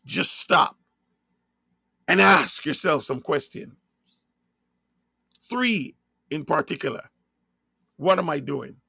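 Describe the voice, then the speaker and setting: Preaching slowly in sermon style, a man from Jamaica speaks with a Jamaican accent and hammers key words by repeating and spelling them out. His voice sits on the high side, creaky and bright with a forceful tone and a breathy edge, recorded studio-clean with no room sound.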